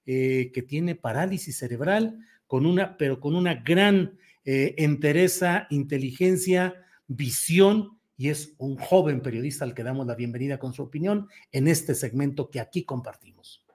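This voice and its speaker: A man hosting a news show, presenting conversationally in a halting, wordy way with repeated phrases. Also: fairly high pitch, darkish tone.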